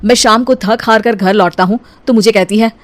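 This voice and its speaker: A woman's voice: medium pitch, steady tone, a little fast, close to an everyday voice. A woman voicing a tired, exasperated young husband who grumbles emphatically in a cartoon story. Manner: complaining, emphatic. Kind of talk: cartoon story character acting.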